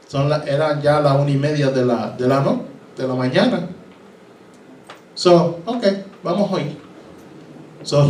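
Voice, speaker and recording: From the pulpit of a church hall, a pastor from Puerto Rico recounts his testimony in a Puerto Rican Spanish accent, performing voices and mixing in English. His voice runs on the high side with a darkish tone. He's far from the mic, so the hall echoes and slight background noise comes through.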